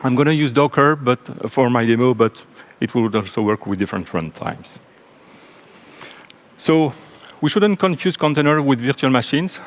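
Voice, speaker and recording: A man from French-speaking Belgium with a French accent, giving a technical conference talk from a stage in a relaxed, joking way with many ums and restarts. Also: mid-range voice, moderate pace. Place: large conference room on stage.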